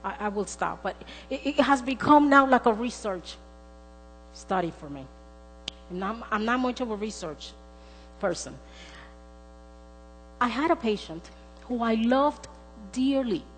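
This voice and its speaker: A woman preaching a sermon, emphatic and insistent, leaning on repeated words for stress. Her voice sits a little high and rings out with a long reverb that trails through a church sanctuary. A faint electrical hum runs underneath. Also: lively intonation, unhurried, long pauses.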